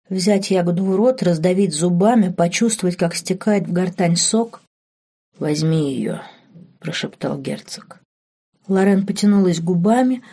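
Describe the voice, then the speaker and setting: A woman narrates a romance audiobook, reading each phrase in a measured, softly expressive way. Her voice is lowish and has a warm, mellow tone. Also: husky.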